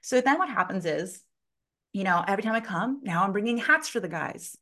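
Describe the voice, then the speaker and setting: A woman sales consultant telling a lively story in a casual interview, full of "like" fillers and casual swearing. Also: mid-range voice, a little fast. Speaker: sales consultant and podcast guest.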